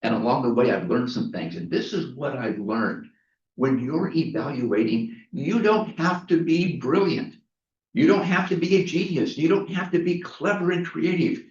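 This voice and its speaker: A man's voice: a little high, moderate pace, a little mellow, recorded from a distance. A man giving a prepared inspirational speech at a club meeting, storytelling with emphatic repetition. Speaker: Toastmasters speaker. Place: meeting room. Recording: echoey room, mic from afar, dull.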